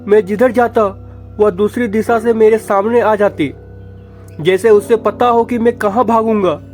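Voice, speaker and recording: A man voicing a terrified male woodcutter, breathless and stammering as he shouts for help in a storybook horror tale. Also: high voice, fairly even intonation, measured pace, soft background music, pitched above the performer's own voice. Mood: shaken. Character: terrified young male woodcutter, panting and shaken.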